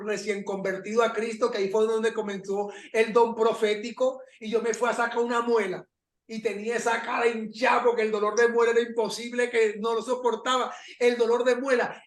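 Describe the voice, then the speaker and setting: Animated, high-voiced male pastor on a video call, echoey room. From Paraguay. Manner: storytelling, animated, laughs often. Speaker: pastor teaching an online class. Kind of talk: informal Bible class.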